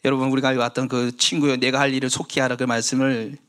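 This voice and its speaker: A pastor preaching a Sunday sermon, animated, with swings between emphatic lines and hushed, pleading tones. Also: male voice, mid-range voice, fast, smooth. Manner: animated preaching, dropping to hushed tones when voicing Jesus's pleas.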